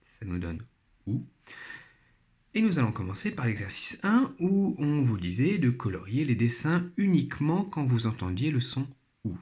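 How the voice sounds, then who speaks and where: A man's voice: mid-range voice, very animated, normal speed, darkish tone. A man teaching a primary phonics lesson, speaking patiently and spelling out each sound and syllable carefully. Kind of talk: recorded remote phonics lesson.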